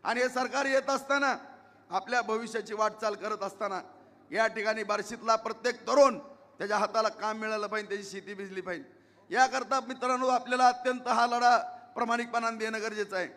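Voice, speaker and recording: A man's voice: high-pitched, fairly even intonation, fairly quick, pushed and bright, big-room sound. A man giving an emphatic campaign rally speech as an election candidate, repeating himself and pleading with the crowd. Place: outdoor public rally.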